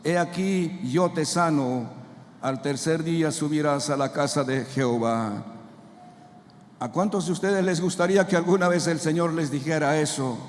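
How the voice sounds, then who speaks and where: A man's voice: on the high side, moderate pace. A man who is a pastor, preaching a fervent sermon and calling on the congregation to answer back. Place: church sanctuary. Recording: long reverb of a church hall.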